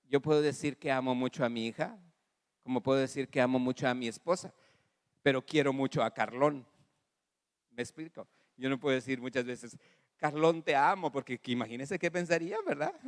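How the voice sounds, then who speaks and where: A man with a Mexican Spanish accent preaching a sermon as pastor, animated, calling on the congregation to repeat after him. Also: mid-range voice. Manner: animated preaching with audience call-and-response; acts out dialogue in varied voices. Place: church hall. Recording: long reverb in a church hall.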